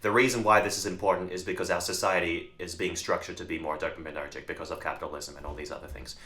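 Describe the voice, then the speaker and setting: Young male podcast co-host: low, forceful voice, lively and direct with the audience. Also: quick pace. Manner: animated, addresses viewers directly. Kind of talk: casual discussion.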